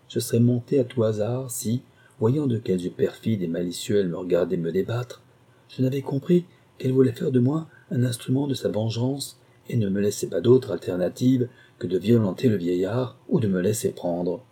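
A man narrating a story in the first person in a measured, dramatic way. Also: lowish voice, dark tone, breathy edge. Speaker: audiobook narrator. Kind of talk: scripted narration.

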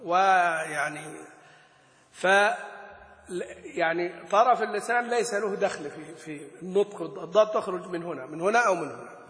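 A man's voice: sits high, moderate pace, pauses often, a bit bright. A man teaching Quran recitation in a lesson. He explains a classical poem, sounds out letters aloud, chants the quoted verses and asks his students questions that he then answers himself. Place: Gulf region. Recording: echoey room with long reverb.

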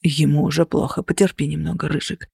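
A woman puts on a bossy male navigator who hisses terse orders under his breath, sarcastic and fed up. His voice sits lower and quieter than the narration. The audiobook sound is close and dry. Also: normal speed, vocal fry, husky, dry recording. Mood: urging. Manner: terse whispered commands, weary sarcasm. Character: sardonic male mage navigator, exasperated and bossy.

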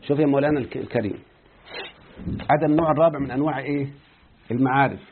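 A man's voice: mid-range voice, very fast, a little hiss or hum. A man with an Egyptian accent teaching Arabic grammar, explaining a text and quizzing his students as he goes. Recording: tinny phone-like lo-fi audio.

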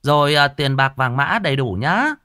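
A man voicing a shrill, bossy middle-aged female village medium who talks down to people. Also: lively intonation, moderate pace, sharp tone, no echo, studio quality. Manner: brusque, scolding, self-important.

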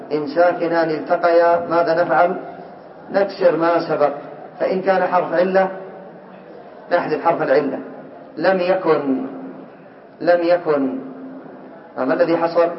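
A man teaching Arabic grammar in a classroom lesson, asking students by name and repeating examples slowly. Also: fairly high pitch. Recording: echoey, distant, muffled lesson recording.

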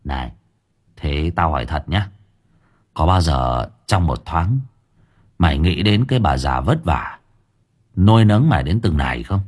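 Man doing a bossy young exorcist: low, husky, teasing and menacing. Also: lively intonation, a little slow, long pauses, a little mellow, heavily acted. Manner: sweet-talking then threatening, teasing. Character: sly, domineering young male exorcist master.

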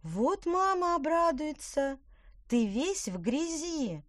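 A bossy, excitable young girl shrieks in a very high storybook voice, performed by a woman. She sounds loud and exasperated, recorded dry and close. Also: takes it slowly, no echo, full character voice. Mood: scolding.

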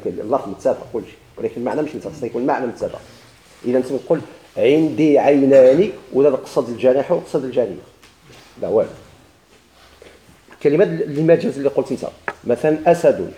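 Moroccan man teaching grammar, brisk. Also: mid-range voice, warm tone, reverberant, low-quality recording. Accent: Moroccan Arabic. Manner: explains by question and answer, repeating examples. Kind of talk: grammar lesson.

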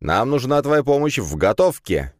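A man's voice: medium pitch, sing-song, normal speed, no room sound, pitched above the performer's own voice, natural voice. A pushy young male student from an audiobook, nagging and wheedling in a raised, strained voice, as a man puts him on. The sound is close and dry. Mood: insistent, pleading. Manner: nagging and wheedling, yelling through a door.

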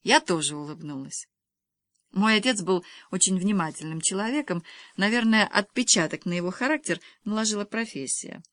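A woman narrating a first-person audiobook in a lively, expressive storytelling manner. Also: mid-range voice, moderate pace, dry recording.

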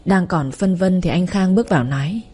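Woman, calm storytelling, mellow dark tone, faint background music. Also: on the low side, brisk, husky. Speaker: narrator. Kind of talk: first-person story reading.

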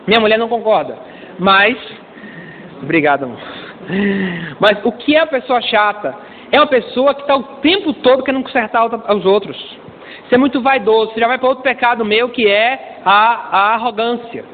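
Playful Brazilian pastor in echoey hall. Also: male voice, extremely high pitch, moderate pace, a little hiss or hum. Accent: Brazilian Portuguese. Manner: playful, acts out little dialogues, calls for amens. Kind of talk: lively humorous sermon. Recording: tinny lo-fi recording in a long-reverb hall.

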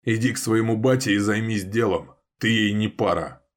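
A man reading an audiobook, voicing a gruff middle-aged father who barks orders and growls. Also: on the low side, moderate pace, natural voice. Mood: scornful.

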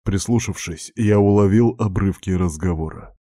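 A man narrating first-person fiction as an audiobook narrator, in a measured, darkly intimate way. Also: low voice, dark tone, no room sound, studio quality.

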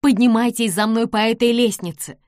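A woman's voice: mid-range voice, lively intonation, normal speed, darkish tone, no echo, clean studio sound, close to an everyday voice. A woman voicing a brave young girl detective. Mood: urgent. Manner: urgent, pleading.

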